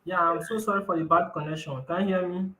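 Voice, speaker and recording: A man on a bad video-call connection that keeps cutting out, explaining his invention in an apologetic, halting way. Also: high voice, steady tone, pushed and bright. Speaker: guest presenting an invention. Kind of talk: show-and-tell explanation on a call. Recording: echoey, choppy call audio.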